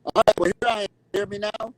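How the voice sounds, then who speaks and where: A man's voice: sits high, flat delivery, fast talker. A man speaking as a guest over a video call whose audio keeps breaking up, talking in an emphatic, informal, preachy way. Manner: emphatic, repetitive, informal grammar. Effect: choppy, breaking-up video call audio. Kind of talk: preachy lecturing talk.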